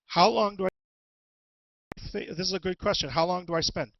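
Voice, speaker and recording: A man presenting an instructional webinar as a teacher, talking through tools in a halting way with many ums and restarts, on a headset. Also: sits high, no echo, lo-fi sound. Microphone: headset with headphones.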